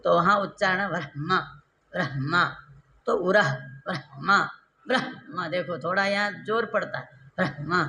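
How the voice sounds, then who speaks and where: A man teaching Sanskrit grammar in a classroom lecture, repeating terms and quizzing his students with rhetorical questions, slowing down and drawing out key syllables. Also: sits high, bright, forceful tone, slight background noise. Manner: slow, drawn-out stressed syllables when explaining.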